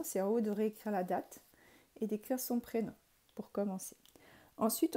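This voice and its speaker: A French primary school teacher records a lesson for young pupils, patiently spelling out letters and syllables one at a time. Her voice is fairly high and mellow.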